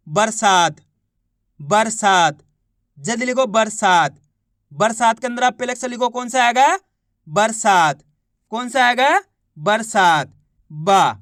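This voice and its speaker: A man's voice: high-pitched, fairly bright tone, no room sound, studio quality. A man teaching beginners to read, sounding out words syllable by syllable and asking the viewer questions. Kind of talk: reading lesson for beginners.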